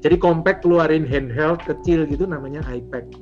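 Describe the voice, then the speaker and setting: A talkative man in his forties tells his story in an easygoing interview, full of fillers, and brings remembered dialogue to life. His voice sits a little high. The audio is dull and lo-fi, with music clearly playing underneath. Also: brisk. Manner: animated, acts out remembered dialogue, frequent fillers. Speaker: guest, property and franchise investor.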